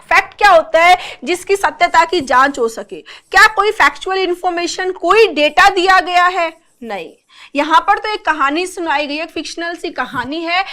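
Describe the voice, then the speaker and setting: A woman teaching an exam-prep lesson, reading English lines slowly and explaining them, often asking "clear?" to check understanding. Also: high-pitched, fairly bright tone. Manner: asks checking questions, translates English lines into Hindi; reads the English text slowly and deliberately.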